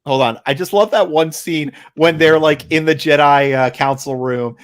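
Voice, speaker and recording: A man's voice: fairly high pitch, normal speed. A man hosting a casual podcast chat with friends. He rambles, cracks jokes and steers the talk. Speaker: podcast host.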